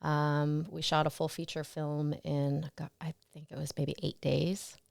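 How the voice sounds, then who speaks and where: A woman's voice: deep voice, little pitch movement, measured pace, creaky, darkish tone, no room sound, studio quality. A woman guest in an interview, reflecting on her career in a casual storytelling way and often laughing. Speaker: interview guest, stunt performer and actress.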